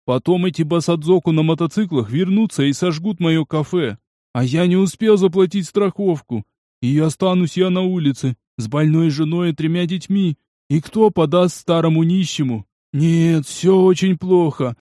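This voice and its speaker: Man doing a shrill groveling old cafe owner. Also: normal speed, dark tone, no echo, studio quality, natural voice. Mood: bitter. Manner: shrill, pleading, fussy.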